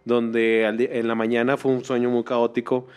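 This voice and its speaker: A man's voice: mid-range voice, level tone, normal speed, darkish tone, clear, resonant tone. A man co-hosting a podcast, chatting casually and chiming in with short remarks. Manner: brief backchannels and interjections. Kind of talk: casual chat.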